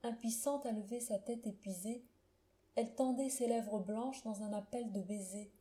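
A woman reads a classic short story aloud in a measured, solemn manner. Her pitch sits a little high, yet the tone is very dark and mellow. The delivery stays steady and literary. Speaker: narrator. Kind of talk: literary audiobook reading.

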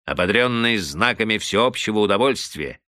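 A man narrating classic prose in an expressive, dramatic reading. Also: fairly low pitch, moderate pace, dry recording, clean studio sound. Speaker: audiobook narrator.

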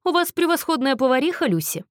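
A woman's voice: high voice, no room sound, clean studio sound, voice pushed up. A woman doing a defensive, shamed young man. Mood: breezy. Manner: flat, defensive, quick when pressed.

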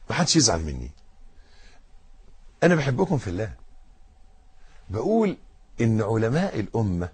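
A man with an Egyptian accent preaching a sermon, moving from loud emphatic stress to hushed, intimate asides aimed straight at his listeners. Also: fairly low pitch, breathy edge, dry recording. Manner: speaks directly to the audience with colloquial asides.

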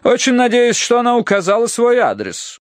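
A man's voice: huge pitch swings, normal speed, dry recording, studio quality, exaggerated voice. A man voicing a flustered, hysterical middle-aged Victorian lady who frets and scolds melodramatically. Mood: fussy. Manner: shrill, fussy, melodramatic.

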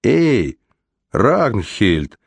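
A man voicing a big shaggy man in an audiobook, calling out loudly and coaxing enthusiastically, in a low, dry voice raised well above his own. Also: huge pitch swings, moderate pace, no echo. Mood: eager. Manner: calls out loudly, enthusiastic and persuasive.

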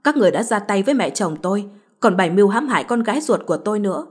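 A woman doing stern rich middle-aged mom, cold and reproachful, husky, audio story. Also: mid-range voice, lively intonation, rapid-fire.

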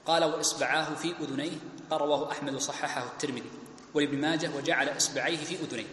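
A man's voice: on the high side, steady tone, racing, a bit bright. A man teaching a classical religious text, explaining point by point and repeating key phrases. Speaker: Islamic scholar teaching a text. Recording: echoey hall with faint background noise.

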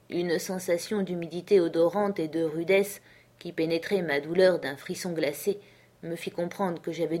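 Woman, audiobook narrator, low-pitched voice, measured earnest reading. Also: a little mellow. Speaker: audiobook reader.

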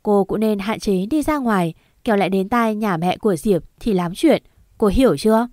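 A woman voicing a cool, calm young gentleman who reassures a servant. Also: medium pitch, normal speed, no room sound, studio quality, natural voice.

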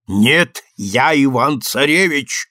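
A man's voice: mid-range voice, lively intonation, slow pace, bright, forceful tone, dry recording. A haughty, eccentric inventor with a lofty, theatrical way of speaking, as a male narrator puts him on. The voice sits in a middle register and sounds dry and close. It is a storybook reading.

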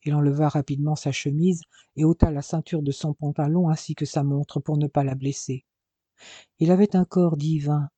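Man narrating an audiobook in a dark, flat voice. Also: on the high side, husky, no room sound. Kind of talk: scripted narration.

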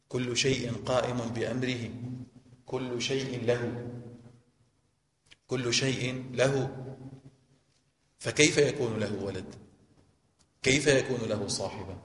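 Sheikh teaching in an echoey hall. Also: male voice, mid-range voice, a bit bright. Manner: questioning, repeats key phrases. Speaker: sheikh teaching Quran commentary. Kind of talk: mosque lesson. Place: mosque hall. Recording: echoey hall, faint noise.

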